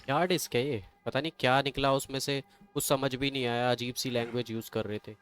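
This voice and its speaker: Casual excitable male let's-play commentator, mid pitch, game music faint behind. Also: brisk. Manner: excitable, chatty. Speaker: gamer.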